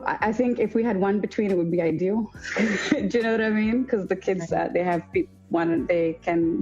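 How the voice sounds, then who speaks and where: Guest, woman, 30s, chatty and candid, dark mellow tone, dull livestream sound with faint music. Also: lowish voice. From Pakistan and England. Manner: chatty, keeps saying "do you know what I mean". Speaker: interview guest, homeschooling mum. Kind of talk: casual conversation on a livestream.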